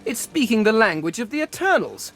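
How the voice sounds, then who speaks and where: An arch, haughty ancient being. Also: male voice, high voice, sing-song, a little fast, a bit bright, faint music behind, full character voice. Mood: mocking. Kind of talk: video game voice acting.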